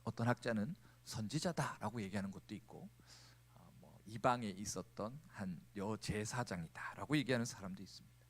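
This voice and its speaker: A man preaching a sermon as a youth group pastor, animated and playful, acting out the voices of the people he quotes. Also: lowish voice, fairly quick. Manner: animated, acts out quoted speech, playful asides.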